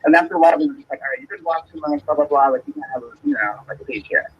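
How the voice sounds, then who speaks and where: A woman's voice: sits low, rapid-fire, husky. A woman calling in to a talk show, chatting casually and rambling with lots of fillers, heard over a phone on speakerphone. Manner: rambling, lots of "like" and "you know". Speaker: caller. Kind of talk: casual call-in chat. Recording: dull, muffled phone line.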